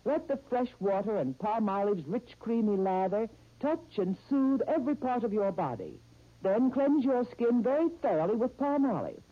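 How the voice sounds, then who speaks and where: A woman's voice: fairly high pitch, very animated, moderate pace. A woman reading a 1930s radio soap commercial in a coaxing, intimate sales tone, heard as an old radio broadcast. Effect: old radio broadcast sound. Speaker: commercial announcer. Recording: dull old radio recording.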